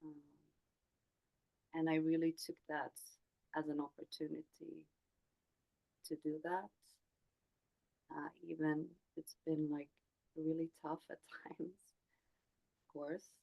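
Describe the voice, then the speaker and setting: Speaking as a guest in English, a Swedish woman in her forties slowly recounts a reflective personal story in a soft, hesitant way, pausing and restarting often. Her voice is low and gravelly, with little pitch movement. The audio quality is poor.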